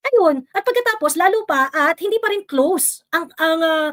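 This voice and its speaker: A woman's voice: very high voice, animated, moderate pace, fairly bright tone. A Filipino woman hosting a live stream, reading viewer comments and talking politics in a casual mix of Tagalog and English, full of fillers and exasperated asides. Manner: switches between Tagalog and English, many fillers, rising exasperation.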